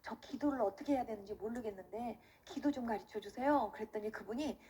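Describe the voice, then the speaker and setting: A woman's voice: on the high side, fast, warm tone. A woman giving an emotional, earnest personal faith testimony, acting out the voices in her story. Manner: vivid storyteller who acts out the quoted voices. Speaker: testimony speaker.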